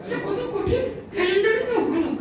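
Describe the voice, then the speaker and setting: A very high, squeaky child puppet answers back with goofy, naughty cheek in a comic stage act. The voice sits far from the mic in a very echoey hall with an audience. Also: male voice, fast, a crowd in the background. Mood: curious, goofy. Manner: goofy, mischievous, teasing back-talk. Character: cheeky naughty schoolchild puppet, slow at studies, argues back. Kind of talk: ventriloquist puppet comedy show. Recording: roomy echoing hall, distant mic, audience.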